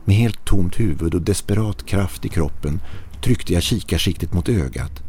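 Male narrator, deep and dark-toned, tense scripted horror reading. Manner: tense, measured storytelling.

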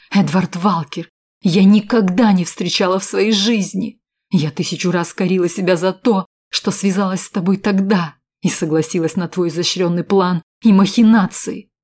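A woman voicing a furious, battered woman who shouts curses through clenched teeth. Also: mid-range voice, lightly acted.

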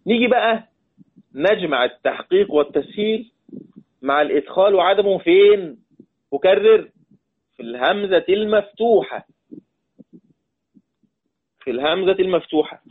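A man's voice: high-pitched, lively intonation, normal speed, pauses often, breathy edge. A man with an Egyptian accent teaching a recitation lesson, repeating his points, quizzing his listeners and drawing out recited words. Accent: Egyptian Arabic. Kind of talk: classroom lesson. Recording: tinny phone-like sound.

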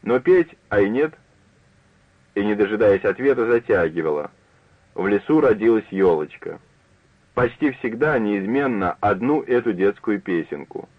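A man narrating a literary story for radio in a measured, unhurried manner. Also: lowish voice, animated, no echo. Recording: narrow phone-like dry broadcast.

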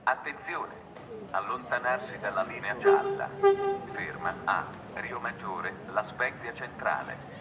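A man giving formal, clipped train station announcements over a station loudspeaker. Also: medium pitch, huge pitch swings, a little slow. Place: outdoor railway platform. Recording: loudspeaker with clear background noise.

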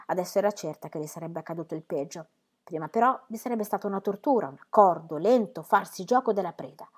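A woman reads a novel aloud in a measured, expressive way. Her pitch moves lively up and down. She keeps a steady, literary tone. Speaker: audiobook reader. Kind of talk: literary reading.

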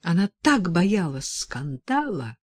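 A woman narrating a classic novel as an audiobook, in a measured, expressive manner. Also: fairly low pitch, husky, no echo, studio quality.

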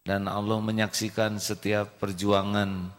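A male preacher telling a story in a sermon, slowly and vividly acting out the characters. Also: lowish voice, level tone. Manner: slow storytelling, acts out voices. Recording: reverberant hall.

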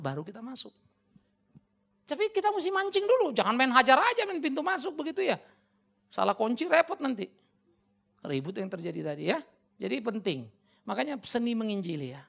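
A male pastor preaching in a blunt, colloquial, emphatic way, taking questions from the audience and breaking into sudden loud outbursts. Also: high-pitched, creaky.

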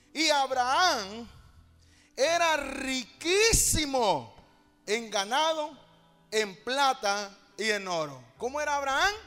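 Impassioned male preacher, very high-pitched, calls out and half-sings to the congregation. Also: long reverb tail. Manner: fervent, calls to the congregation, sings and shouts phrases. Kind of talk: sermon.

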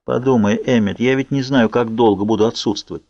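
A man's voice: mid-range voice, steady tone, brisk, a little mellow, no echo, lightly acted. A man voicing a tense, protective young man who talks in a curt, commanding way, on a dull lo-fi audiobook recording.

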